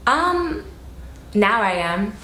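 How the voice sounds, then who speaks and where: A woman's voice: medium pitch, sing-song, extremely slow, bright, forceful tone, roomy sound, a little hiss or hum. A woman from South Florida, chatting loosely as an interview guest, full of fillers and casual swearing.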